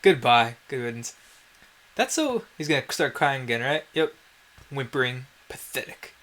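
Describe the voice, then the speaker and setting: Sing-song and a little bright, a man's medium-pitched voice moves at a moderate pace as he hosts a let's play. His commentary is casual, wry and self-deprecating, peppered with mild swearing.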